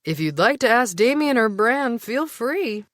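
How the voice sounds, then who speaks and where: A woman's voice: fairly high pitch, sing-song, unhurried, a bit bright, no room sound, clean studio sound, pitched above the performer's own voice. A woman voicing a smug, cool-voiced man full of bravado with a predatory tone.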